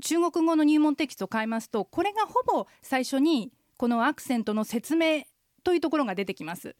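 A middle-aged woman co-hosting a radio language lesson, explaining in a clear, steady teacherly way. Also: high voice, fairly quick, no room sound, clean studio sound.

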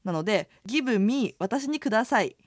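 A woman co-hosting a radio language lesson, explaining words in a lively way. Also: a little high, normal speed, dry recording, studio quality.

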